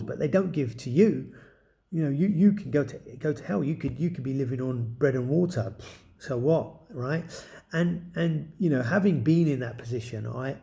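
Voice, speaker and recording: A man, telling a personal story in an earnest, reflective way, with halting restarts. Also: mid-range voice, creaky, mellow.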